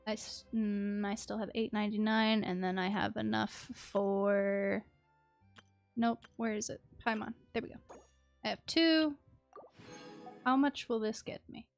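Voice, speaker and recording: Streaming a game with music in the background, this woman chats casually in a medium-pitched, creaky voice at a measured pace. The game streamer is playful and keeps muttering small sound words to herself.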